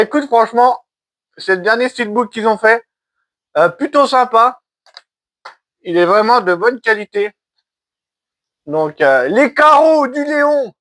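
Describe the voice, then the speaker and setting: A high-pitched, bright man chatting through a casual unboxing vlog, full of folksy jokes and banter aimed at his viewers. The sound is close and dry, with no room around it. He rambles cheerfully as he shows off a film collection. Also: no echo. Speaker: YouTube film collector host. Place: caravan at the end of a garden.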